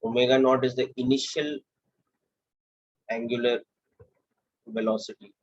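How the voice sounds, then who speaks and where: A young man with an Indian English accent, teaching a physics lesson step by step in a steady, explanatory way. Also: mid-range voice, measured pace, lo-fi sound. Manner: steady, explanatory, walks through steps aloud. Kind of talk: classroom lecture.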